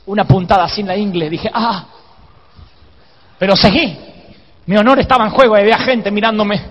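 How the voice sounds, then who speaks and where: A man preaching a sermon, telling a comic story and acting out the shouts and groans in it. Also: high-pitched, big-room sound. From Argentina. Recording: dull lo-fi live sermon recording.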